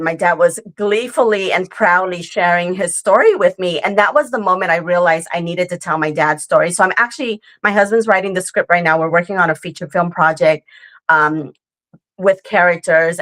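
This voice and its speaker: A woman's voice: lowish voice, a little fast, fairly bright tone. A woman in her forties, a guest in a conversational interview, telling a story earnestly and often checking in with "right?". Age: 40s.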